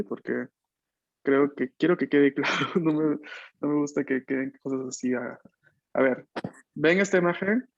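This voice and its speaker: A man's voice: medium pitch, vocal fry, dry recording, dull audio. A man teaching an online language lesson, patiently repeating answers and checking in constantly with short tag questions. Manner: repeats students' answers and explains slowly. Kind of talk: online Italian lesson taught in Spanish. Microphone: video call microphone.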